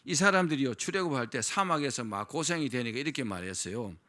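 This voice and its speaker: Animated, bright-voiced male pastor preaching. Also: medium pitch, fast talker. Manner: animated preaching, asks the congregation to repeat after him. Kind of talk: sermon.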